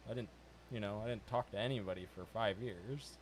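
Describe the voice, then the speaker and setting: Low-voiced man explaining things casually. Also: fairly quick, a little hiss or hum, rough recording. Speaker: podcast participant. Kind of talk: casual conversational podcast chat.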